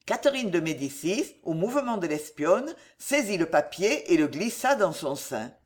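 A woman reading a novel aloud as an audiobook narrator, in a measured, expressive way. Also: on the low side, slightly rough. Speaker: audiobook reader.

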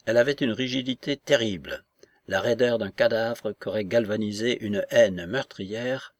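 A man reading a novel aloud in an even, measured narration. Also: fairly low pitch, dry recording. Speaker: audiobook narrator. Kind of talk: scripted literary narration.

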